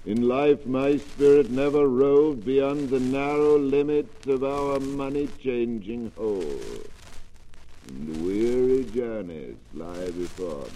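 A mournful ghost of a dead miser, as a male reader puts him on, speaking low, slow and hushed. The voice is dark and mellow, with the weight of a solemn warning in a storybook reading. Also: creaky, slight background noise, poor audio.

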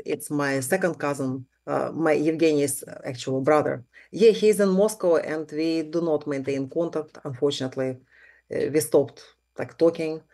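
Her low voice has a dark tone. She's a middle-aged woman from Ukraine whose first language is Russian, and she speaks with a Ukrainian accent, answering thoughtfully and sincerely as a guest in a conversational interview.

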